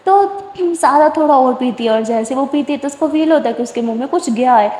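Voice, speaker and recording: Brief: woman storyteller, chatty run-on retelling, high mellow voice. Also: slight background noise. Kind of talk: casual story narration. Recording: echoey room with long reverb.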